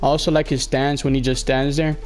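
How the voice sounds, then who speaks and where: Fairly quick and somewhat dark in tone, a young male gameplay commentator speaks in a mid-range voice with little pitch movement. He's slightly sick and losing his voice, casually rambling through a game walkthrough with frequent hesitations and fillers.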